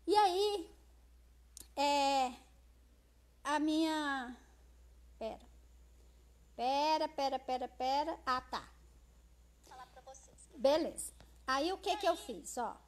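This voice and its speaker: A Brazilian woman with a Brazilian accent, talking loudly and expressively to viewers on a phone live stream. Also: high-pitched, very slow, pauses often. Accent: Brazilian Portuguese. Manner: loud, forceful, expressive, chatty, reads out viewer comments. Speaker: social media live host. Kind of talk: casual live-stream talk.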